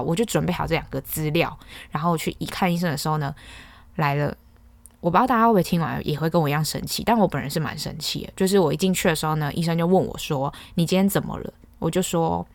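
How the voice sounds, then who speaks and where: A woman's voice: lowish voice, no echo. A young woman hosting a podcast, chatty and exasperated as she tells a personal story and rants. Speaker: podcast host. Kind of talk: casual storytelling.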